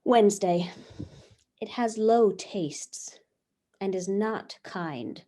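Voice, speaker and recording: This woman, in a mid-range, warm voice, reads very slowly as Eve, a curious, talkative first woman just created. It's a stage reading of a comic play done over a video call, with her diary read in a chatty, wondering manner.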